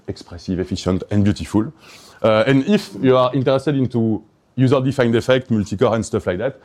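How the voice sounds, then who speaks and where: A mid-range, slightly mellow male voice belongs to a Belgian conference speaker with a Belgian French accent. He is enthusiastic but hesitant, restarting often and leaning on fillers.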